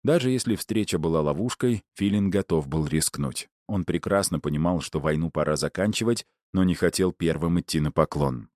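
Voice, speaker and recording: A man's voice: low-pitched, a little mellow, dry recording, studio quality. A man narrating a first-person audiobook in a wry, conversational way.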